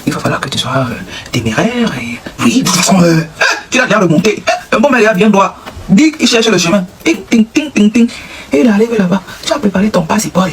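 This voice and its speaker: A man's voice: sits high, very animated, quick pace. A man with a Cameroonian French accent giving comic advice, acting out little dialogues and sound effects. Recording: noisy recording.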